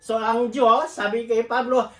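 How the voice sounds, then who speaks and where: Woman, preacher, sermon, chatty storyteller, high voice, roomy echo. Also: little pitch movement, measured pace. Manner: chatty storytelling, jokes with the congregation. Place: church.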